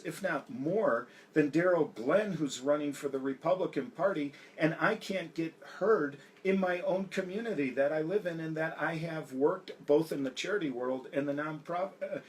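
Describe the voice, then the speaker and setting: A man's voice: a little high, normal speed, few pauses, a little hiss or hum. An American man speaking emphatically as a political candidate in an interview, listing grievances. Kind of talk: campaign interview.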